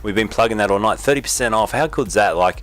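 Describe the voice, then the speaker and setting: A man's voice: lowish voice, fast talker, fairly bright tone, faint music behind. An Australian man hosting a sim racing broadcast, wrapping up and plugging sponsors in an easygoing way. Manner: easygoing, reads sponsor plugs. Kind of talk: casual post-race wrap-up.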